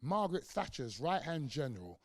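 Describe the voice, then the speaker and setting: Animated middle-aged man lecturing. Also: normal speed, no echo, clean studio sound. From England. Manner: animated, acts out quoted voices in a raised pitch; conversational, with casual fillers. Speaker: guest lecturer. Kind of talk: storytelling lecture.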